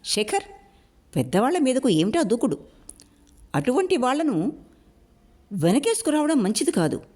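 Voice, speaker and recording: A woman's voice: sits high, big pitch swings, moderate pace, a little mellow, voice pushed up. Woman doing a scolding, domineering council chief. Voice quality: scolding, hissing delivery.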